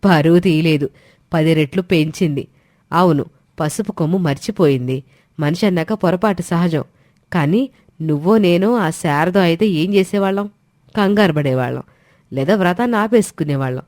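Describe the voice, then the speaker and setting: A woman's voice: on the low side, normal speed, no room sound, lightly acted. Give me a firm, stern mother-in-law, voiced by a woman, in a dry booth. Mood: defiant. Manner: forceful, scolding. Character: proud, stern middle-aged mother-in-law. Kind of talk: storybook drama voice.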